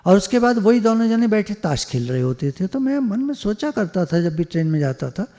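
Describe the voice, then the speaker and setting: A man giving a devotional satsang talk in a high yet mellow voice, chatty and teasing, slipping English words into his speech. The sound carries a long hall reverb. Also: big pitch swings, brisk. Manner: conversational, joking, mixes English words. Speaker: spiritual speaker.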